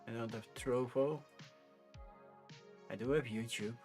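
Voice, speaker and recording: A native Dutch speaker with a Dutch accent hosts a livestream reviewing board game crowdfunding, rambling informally and thinking aloud. His mid-range voice is steady, unhurried and a little mellow, with faint music behind him.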